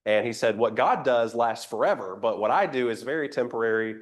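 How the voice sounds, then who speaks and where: A man teaches an interactive Bible class in an animated, brisk, mid-range voice that is a little nasal from a cold. He keeps it conversational, asking the group questions, posing rhetorical ones and inviting comments.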